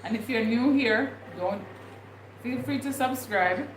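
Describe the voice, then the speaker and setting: Chatting on a livestream, this young vlogger with a Jamaican accent rambles and thinks aloud, filling gaps with lots of fillers. Her pitch is a little high and she speaks slowly, in an echoey space with noticeable background noise.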